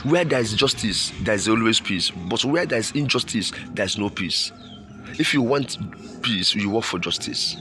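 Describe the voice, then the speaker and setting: A man's voice: on the low side, animated, normal speed, sharp tone, soft background music. A man with a Nigerian accent giving impassioned political commentary, emphatic, repeating phrases and posing rhetorical questions.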